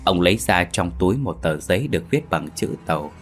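A man narrating a ghost story in a steady, measured way. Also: deep voice. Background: faint background music.

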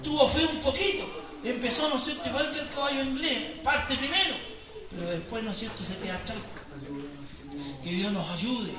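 Chilean male pastor, fervent sermon delivery, high voice, distant in a very reverberant church with congregation audible. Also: moderate pace, crowd noise. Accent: Chilean Spanish. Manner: fervent, swells to near-shouts and sing-song on praise. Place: church hall.

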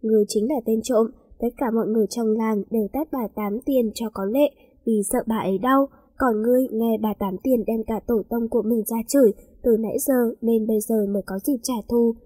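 A woman voicing a loud, bold young woman disguised as a nun, in a spoken story. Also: fairly high pitch, fairly even intonation, brisk, slightly rough, dry recording. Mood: accusing. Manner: brash and commanding.

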